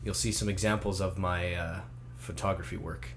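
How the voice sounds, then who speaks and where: A young man from Canada chatting as a guest on a talk show, easygoing and joking, with lots of fillers and pauses. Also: sits low, fairly even intonation, slight background noise. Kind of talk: casual chat.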